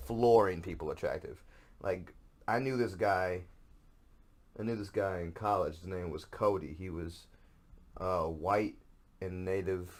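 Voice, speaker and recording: A man with a very low voice hosts his podcast in an unhurried, rambling way. He swears freely and pokes fun at himself as he goes. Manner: profane, self-mocking, rambling. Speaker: podcast host. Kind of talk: casual comic monologue.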